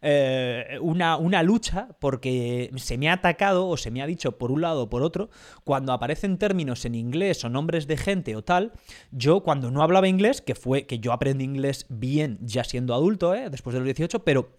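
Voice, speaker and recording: A man's voice: medium pitch, animated, normal speed. A man hosting a casual podcast interview, rambling and frank, swearing casually. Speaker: podcast host.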